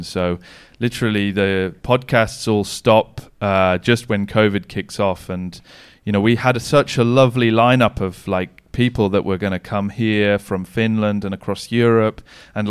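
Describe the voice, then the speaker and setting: Speaking as a podcast guest over a remote call, a man who owns a sauna business talks casually and rambles, with many restarts and fillers. His voice is lowish, clear and resonant, and the recording is dry and studio quality.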